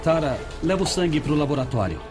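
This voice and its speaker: An actor playing a calm emergency doctor with a Brazilian accent, explaining and reassuring in a dubbed documentary. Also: male voice, a little high, fast. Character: calm, patient male emergency room doctor. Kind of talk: dubbed documentary dialogue and narration. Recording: music behind the voice.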